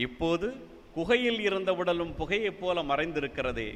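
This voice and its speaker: A man's voice: on the high side, animated, moderate pace, a bit bright. A man voicing a grieving woman who laments at an empty tomb, in a church hall. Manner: lamenting, rhetorical.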